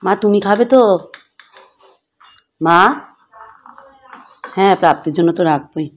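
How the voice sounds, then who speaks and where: A woman chatting to her viewers as friends in a casual home cooking vlog, sometimes speaking softly so as not to disturb the house. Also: mid-range voice, a little slow. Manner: speaks softly at times to keep quiet at home. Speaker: vlogger. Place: home kitchen. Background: clattering dishes and cutlery.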